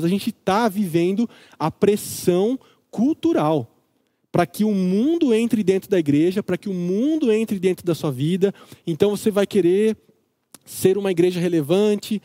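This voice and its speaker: A man with a Brazilian accent teaching a Bible study in a lively, joking way, acting out the characters. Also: high-pitched, no room sound.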